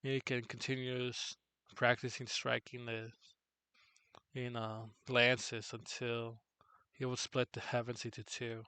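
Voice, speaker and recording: A tired man teaching on a live tutorial stream, halting and correcting himself as he goes. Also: level tone, pushed and bright, smooth, no room sound. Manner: halting, self-correcting, low-energy. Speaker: streamer teaching 3D character software.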